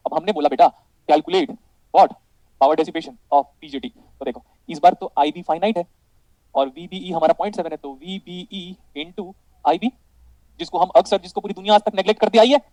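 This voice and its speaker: A man with an Indian accent teaching electronics in a classroom, mixing Hindi and English. He calls his students "beta", checks often whether things are clear and jokes with them. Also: sits high, a little fast, warm tone, no echo, poor audio.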